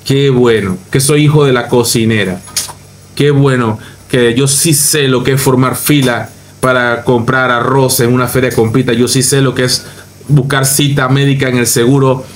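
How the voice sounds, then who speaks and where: A man's voice: medium pitch, slight background noise. A man from Panama with a Panamanian accent, ranting emphatically through a reaction commentary as a youtuber, repeating his points and mocking others. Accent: Panamanian Spanish.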